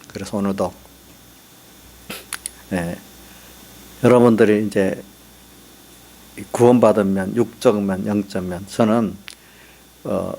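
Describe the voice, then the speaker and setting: Gravelly-voiced man preaching conversationally. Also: lowish voice, a little mellow. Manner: conversational preaching, asks the congregation for responses. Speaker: pastor. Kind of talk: sermon. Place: church.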